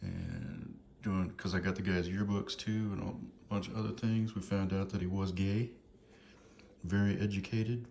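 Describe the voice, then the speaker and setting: With a low, creaky, slightly mellow voice, a vlogger in his fifties speaks expressively at a moderate pace while showing books from a collection. His talk to viewers is casual, rambling, hesitant, amused and apologetic, against noticeable background noise.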